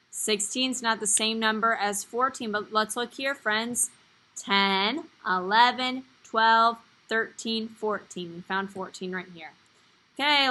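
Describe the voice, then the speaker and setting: A woman's voice: medium pitch, bright, forceful tone, rough recording. A young woman teaching young children on a video call, in an encouraging, simple kids-show-host manner with sing-out counting. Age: young adult. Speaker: primary school teacher. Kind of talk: live online lesson for young children. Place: small indoor room, video call. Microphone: computer mic on a video call.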